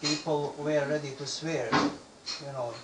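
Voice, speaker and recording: With a slow pace and a steady voice on the high side, a Bosnian man in the audience haltingly questions a speaker, restarting and repeating words. He's recorded from afar in an echoing room, and background noise is clearly present.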